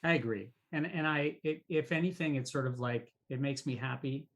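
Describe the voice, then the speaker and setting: Halting, curious podcast host man. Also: medium pitch, fairly bright tone. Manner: curious and halting, repeats words when asking. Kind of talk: podcast interview and show intros.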